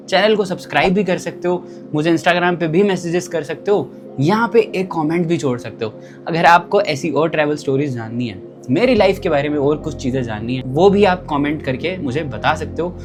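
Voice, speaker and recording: A young man tells a travel story in an easy, animated way, slipping into the voices of the people he met. His voice sits a bit high for a man, and clear music plays behind him.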